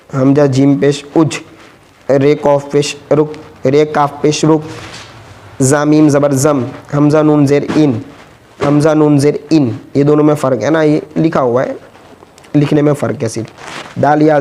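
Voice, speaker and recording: A man teaching Urdu reading, patiently sounding out letters and syllables one at a time in a slow, spelled-out lesson. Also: on the high side, dark tone, a little hiss or hum.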